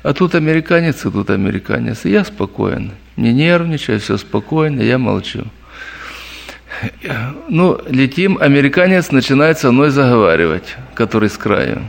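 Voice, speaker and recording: Addressing the room as brothers, a man at a church meeting spins lively stories and responds to questions. His mid-range voice is creaky, and he keeps a moderate pace.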